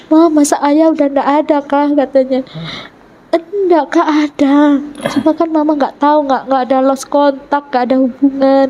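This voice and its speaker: Woman, high-pitched, mellow warm tone, earnest personal testimony, halting, quotes dialogue. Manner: retells events by acting out quoted dialogue. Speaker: convert telling her life story. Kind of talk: emotional personal testimony in an interview.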